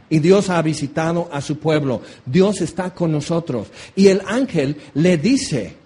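A man preaching a lively sermon, telling stories and acting out voices along the way. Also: on the high side, slow, breathy edge. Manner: animated, acts out voices in asides.

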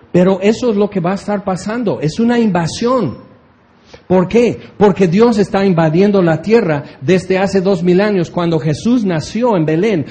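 A man teaching a Bible passage as a preacher, chatty and animated, often slipping into mock voices. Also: sits high.

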